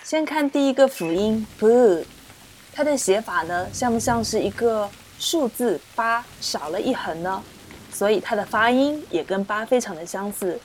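A woman teaching pronunciation, explaining patiently and repeating syllables slowly for learners. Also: on the high side, expressive, a little hiss or hum. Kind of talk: slow, clear teaching explanation with drilled syllables. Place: indoors, rain heard outside.

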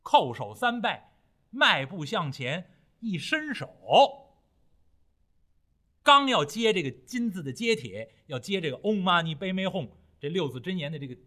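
A man telling a traditional Chinese story in a dramatic, rhythmic, expressive way. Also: high-pitched, measured pace.

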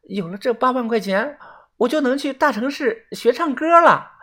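A man's voice: very high-pitched, lively intonation, moderate pace, voice pushed up. A man voicing a naive young woman who pleads and coaxes in a storybook reading. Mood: coaxing. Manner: pleading, coaxing.

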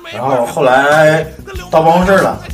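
A man's voice: on the high side, moderate pace. A man rambling through an aggrieved school story in a casual chat. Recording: distant, echoey from the mic. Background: background music.

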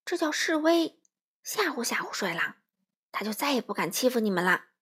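A woman voicing a calm, clever rabbit who comforts and reassures her friends. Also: a little high, moderate pace, slightly rough, full character voice. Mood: calm reassuring. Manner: soothing, reassuring.

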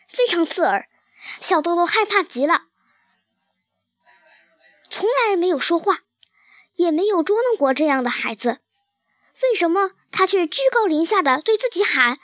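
A woman reads a children's story aloud in a calm, careful way, keeping an even, unhurried delivery. Her voice is high, and the recording is close and dry with no room echo. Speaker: narrator. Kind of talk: storybook reading.

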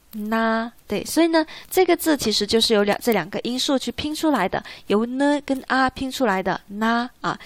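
Woman language teacher, slightly high voice, patient explainer, dry close sound. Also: dry recording. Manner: patient, asks the listener rhetorical check questions. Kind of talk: classroom-style explanation.

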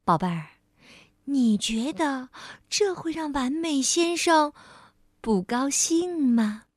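A woman's voice: sits high, animated, slow pace, no room sound. A woman telling a story to a child, addressing the listener tenderly and reading expressively, recorded on a close mic.

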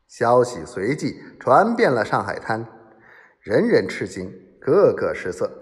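Male serial storyteller, unhurried, lively pitch, long reverb. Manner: dramatic, acts out quoted voices.

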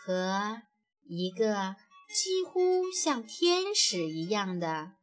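A woman narrating a children's storybook in a gentle, expressive way. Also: mid-range voice, extremely slow. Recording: faint background music.

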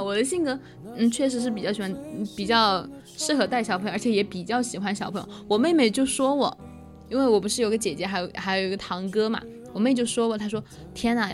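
A young woman co-hosting a casual chat stream, telling stories in a giggly, animated way with many restarts. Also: medium pitch. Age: young adult. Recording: music playing in the background.

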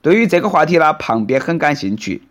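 A man hosts a news commentary in Sichuan dialect. His voice sits fairly high and swings up and down with great animation. He tells each story in a punchy, sarcastic, folksy style. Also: sing-song, fairly quick. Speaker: host of a news commentary show.

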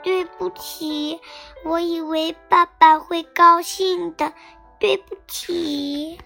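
Brief: a woman putting on a tiny, eager baby dinosaur boy for a bedtime storybook, squeaky high and bright, talking in an excited, pleading way. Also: slow pace, creaky, faint music behind, exaggerated voice.

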